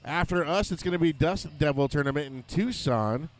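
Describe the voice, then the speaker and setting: A man's voice: on the high side, expressive, normal speed. Joking man calling roller derby. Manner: joking, rattles off lists of dates and places. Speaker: play-by-play announcer.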